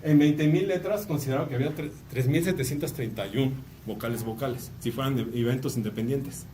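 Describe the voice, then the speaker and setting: A Mexican man lectures at a rapid clip in a relaxed, chatty way, tagging his points with a quick "no?" and slipping in jokes. He sounds a little distant from the microphone, with a faint hum of room noise behind him. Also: medium pitch. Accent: Mexican Spanish. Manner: chatty, tags phrases with a questioning "no?", joking asides. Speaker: university lecturer. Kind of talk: casual academic talk.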